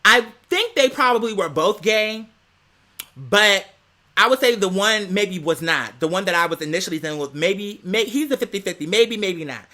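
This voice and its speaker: A bright-voiced vlog host tells a personal story in an animated, gossipy way at medium pitch and normal speed. She is sassy, slangy and emphatic, keeps saying "girl," and theatrically acts out the quoted dialogue.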